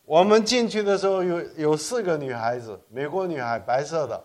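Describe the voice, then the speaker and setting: Older man preaching an animated sermon. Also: on the high side, brisk, noisy background. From Korea. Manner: animated storytelling with frequent self-corrections and code-switching to English. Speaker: pastor.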